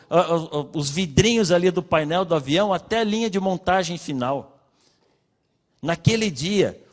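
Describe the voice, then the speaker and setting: High-voiced Brazilian pastor in a hall. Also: male voice. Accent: Brazilian Portuguese. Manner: storytelling, acting out dialogue with shifting pitch and loudness. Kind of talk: sermon testimony. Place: church hall. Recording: long reverb of a church hall.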